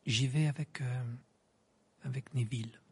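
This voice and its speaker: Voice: medium pitch, big pitch swings, fairly quick, gravelly, breathy edge, exaggerated voice. A reader voicing a shy, easily embarrassed younger teenage girl who hesitates and hums, in an amateur audiobook reading. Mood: flustered. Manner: hesitant, full of ums.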